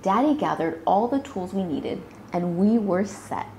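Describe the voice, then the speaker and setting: A woman reading a children's picture book aloud, slow and animated, with playful sound effects. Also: mid-range voice, slight background noise. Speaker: children's storybook reader. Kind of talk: read-aloud storytelling for young children.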